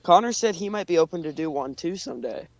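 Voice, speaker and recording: A man's voice: on the high side, expressive, quick pace, no echo. An American man in casual chat, defending himself as his friends tease him. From United States. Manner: defensive, arguing his point.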